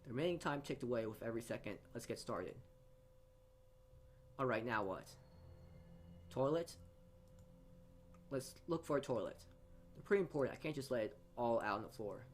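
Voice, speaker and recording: Reading a visual novel on his gaming channel, this man speaks at normal speed in an animated mid-range voice, pausing often and tossing in casual asides while tripping over or repeating words. There's slight hiss or hum, and game music runs underneath.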